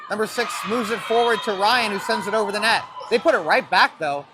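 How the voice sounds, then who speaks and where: In a noisy school gym, a man with a high, brisk voice commentates a high school volleyball stream. His play-by-play is casual, chatty and cheerful, calling out players by name and number.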